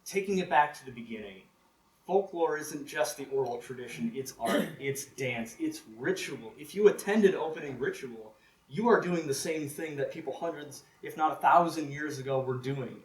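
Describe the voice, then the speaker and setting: A man telling folklore stories live at a convention, casual and animated, laughing often and saying "like" a lot. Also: on the high side, moderate pace. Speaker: storyteller. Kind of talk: live storytelling talk. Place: convention room, live audience. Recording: ambient roomy live recording.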